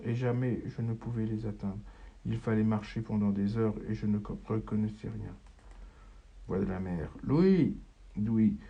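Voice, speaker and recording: A man with a gravelly, husky voice reading a lost, dreamy young man, in a dull lo-fi recording. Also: lowish voice.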